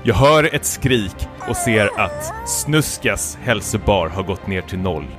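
Playful man with a lively voice. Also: lowish voice, over music. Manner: playful, breaks into laughter while reading. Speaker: podcast co-host. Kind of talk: comic reading of a self-written fan story.

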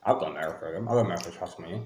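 A man's voice: low-pitched, very fast, a little mellow. A young man with an urban London roadman accent, chatting casually and slangily with friends. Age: young adult. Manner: slangy, informal. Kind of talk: casual banter among friends. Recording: roomy echo, noticeable background noise.

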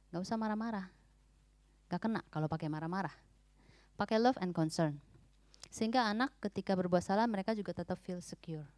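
A woman's voice: medium pitch, a little mellow, dry recording. A woman giving an informal, emphatic church talk on parenting, often mixing English words into her speech.

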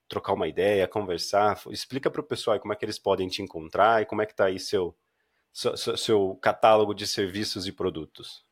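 A Brazilian man hosting a podcast casually, with a hoarse, duck-like voice from a cold. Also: on the low side. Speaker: podcast host.

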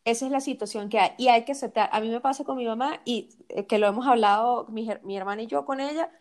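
Higher-voiced Venezuelan woman telling stories. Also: fast talker. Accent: Venezuelan Spanish. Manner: animated storyteller, many fillers and restarts. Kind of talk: casual chat.

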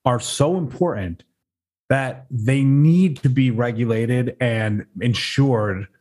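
A man's voice: medium pitch, darkish tone. A man co-hosting a podcast in casual chat, joking and stumbling over restarts before making his points firmly. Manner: joking, halting restarts, then opinionated. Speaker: podcast co-host.

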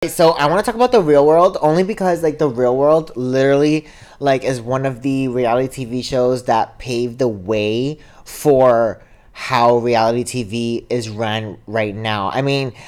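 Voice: medium pitch, normal speed, a little mellow. A young adult co-hosting a podcast in casual chat, rambling with lots of "like" and "um". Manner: rambling, heavy on "like" and "um". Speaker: podcast co-host. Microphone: podcast studio mic.

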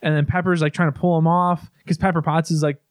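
A man with a fairly high voice recaps a film in a loose, rambling way. He restarts sentences, stacks up fillers and drops the odd swear word. The sound is dry and close, with no room echo. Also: level tone, fast talker. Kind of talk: casual movie recap.

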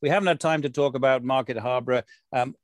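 A man's voice: mid-range voice, fast talker, dry recording, studio quality. A man from Wales hosting a local radio interview show, friendly and informal with hesitant fillers.

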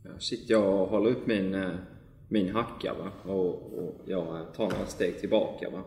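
A man's voice: low-pitched, fairly even intonation, vocal fry, darkish tone. A man playing a tabletop game, describing his character's actions dramatically. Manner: dramatic, frequent tag questions. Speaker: player. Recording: echoey room with long reverb.

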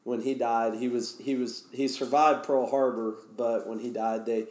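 A man's voice: medium pitch, little pitch movement, moderate pace, darkish tone. A man guest telling stories in a casual, rambling way. He often restarts his sentences. The room has a roomy echo. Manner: rambling, many fillers and restarts. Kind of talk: casual storytelling.

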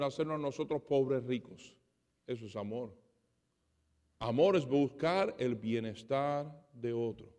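Male pastor, fairly high voice, dramatic sermon delivery, long hall reverb. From Spanish heritage. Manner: dramatic, acts out dialogue, swings between loud and soft.

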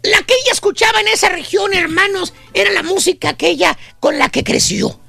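A man with a Mexican Spanish accent, hosting a radio comedy show and telling a comic story in an exaggerated, squeaky way. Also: fairly quick, gravelly, sharp tone, no echo, faint music behind. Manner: squeaky, exaggerated storytelling with calls to his "brothers".

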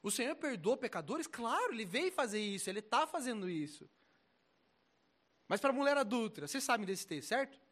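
A young Brazilian man preaching in a high, lively voice. He talks in easy street slang and swings from quiet asides to loud, pressing points. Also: fairly quick. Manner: animated, mocking voices, swings between loud and soft. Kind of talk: casual slangy sermon.

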